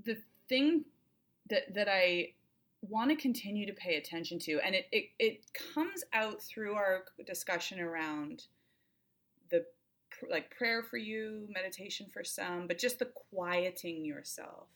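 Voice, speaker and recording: Co-hosting a thoughtful talk on self-care, this woman has an animated, mid-range voice that is a bit bright and keeps a measured pace. She hunts for the right words, reworking and repeating her phrases as she reflects.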